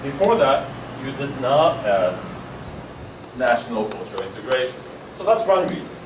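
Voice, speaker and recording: A man's voice: medium pitch, sing-song. Man lecturing in an echoey hall. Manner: measured, emphatic lecturing with lists. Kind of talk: university lecture. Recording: echoey room, distant mic, air conditioning hum.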